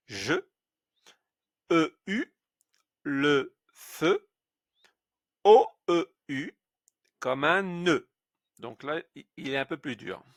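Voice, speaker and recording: A man teaching French pronunciation, spelling out letters and saying example words slowly and clearly. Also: on the high side, a bit bright, dry recording, clean studio sound. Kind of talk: slow pronunciation lesson.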